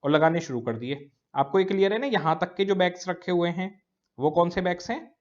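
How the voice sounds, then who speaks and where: A man's voice: high-pitched, brisk, a little mellow, lo-fi sound. A male teacher giving a recorded lecture. He explains step by step, repeating key words and often checking that students follow.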